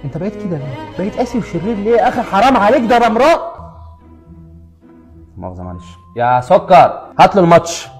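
A wisecracking Egyptian barber who fires off jokes at his customers. He has an Egyptian Arabic accent and rattles through his lines very quickly, in a slightly high voice. It is a comedy sketch, played as quick banter. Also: sing-song, soft background music. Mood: teasing. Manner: teasing, bantering, rapid-fire jokes at customers. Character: cheeky joking neighborhood barber, adult man. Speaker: actor.

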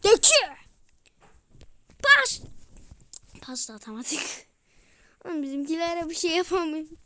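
A woman giving excitable commentary while playing a football video game, shouting, chanting and now and then dropping to whispers. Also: extremely high pitch, measured pace, no room sound. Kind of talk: excited let's-play commentary.

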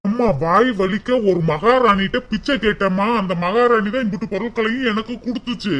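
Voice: medium pitch, fairly quick, fairly bright tone, lightly acted. A performer voicing a meek old male beggar in a cartoon, whining and pleading. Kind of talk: cartoon voice acting.

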